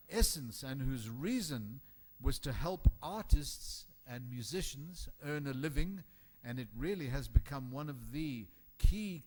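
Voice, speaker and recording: A man introducing the next speaker at a conference in an enthusiastic, upbeat way. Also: a little high.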